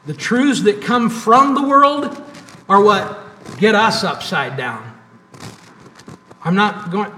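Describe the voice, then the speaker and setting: A man preaching a sermon as pastor, with emphatic repetition and pauses, in a church sanctuary. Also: high-pitched, sharp tone, a little hiss or hum. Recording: echoey church hall, mic at a distance.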